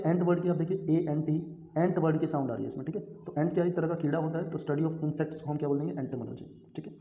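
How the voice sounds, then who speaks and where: A man's voice: on the high side, dark tone. A male teacher giving an exam-prep lecture, who keeps asking questions and answering them himself and checks in often with his students. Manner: frequent "theek hai" check-ins. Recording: echoey room, dull lo-fi sound.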